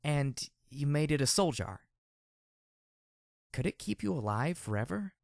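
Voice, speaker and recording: A man reading an audiobook, voicing a blunt, scrappy young mare who talks in a halting, questioning, informal way. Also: on the high side, big pitch swings, creaky, a little mellow, no echo, studio quality, voice pushed up, exaggerated voice. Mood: curious, blunt.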